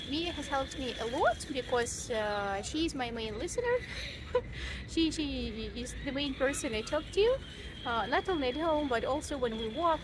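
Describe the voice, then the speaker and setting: This high-voiced woman from Ukraine, a first-language Russian speaker, is chatting through a casual vlog outdoors in a city park. Her talk is full of pauses, fillers and frequent laughter, recorded on a phone held out at arm's length that captures clear ambient sound.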